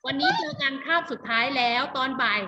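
A woman teaching an online English class to kindergarten children over a video call, animated and full of praise in a sing-song tone. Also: high voice, fast talker, creaky. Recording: slightly dull video-call audio with faint noise.

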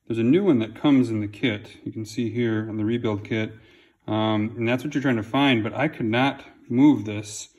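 A home mechanic with a lowish voice explains a repair step by step at a moderate pace in casual how-to narration, filming close over his workbench in his home garage. He is relaxed and plain-spoken, with ums and restarts.

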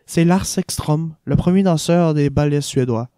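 Guy doing a teasing young lady in an audiobook, warm soft tone, dry sound. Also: a little high, normal speed, dry recording, voice pushed up, natural voice. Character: young woman lover, playful, teasing.

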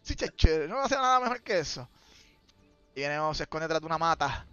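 Man, game tournament commentator, high-pitched, bright tone, excitable play-by-play. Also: fairly quick, smooth, no echo, dull audio, soft background music. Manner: shouts and exclaims at big plays, joking.

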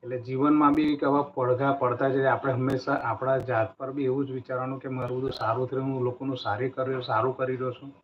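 A man's voice: mid-range voice, little pitch movement, fast talker, hardly any pauses. Man, motivational speaker, earnest, repeats his points, dull lo-fi sound, faint hiss. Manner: earnest, storytelling, repeats key phrases. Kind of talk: spiritual motivational talk. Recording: dull lo-fi recording with faint noise.

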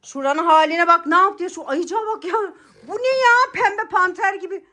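Exasperated high-voiced mother scolding. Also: normal speed, pushed and bright. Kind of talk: scripted family skit. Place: home bedroom.

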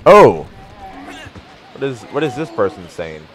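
A man's voice: medium pitch, very animated, unhurried, soft background music. A young man giving casual, joking commentary over a video game he plays. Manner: joking, goofy, breaks into silly voices. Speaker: let's play commentator.

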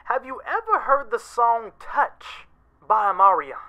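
A man's voice: extremely high pitch, big pitch swings, measured pace, heavily acted. A man voicing a playful, pushy father who talks to his son over a phone call, heard through a lo-fi phone line. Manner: boastful, pushy, jokey. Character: teasing playful middle-aged father.

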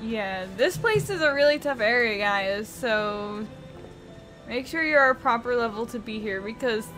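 High-voiced young woman chatting over game music. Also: lively intonation, measured pace, sharp tone. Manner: chatty, laughs often, swears. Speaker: let's play co-host. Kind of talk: casual gameplay chat. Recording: game music playing behind.

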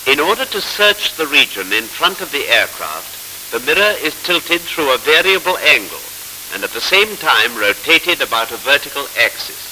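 A man with a fairly high voice narrates a 1940s instructional film, his pitch swinging widely and his sound pushed and bright. The delivery stays formal, measured and explanatory, over a scratchy vintage film soundtrack.

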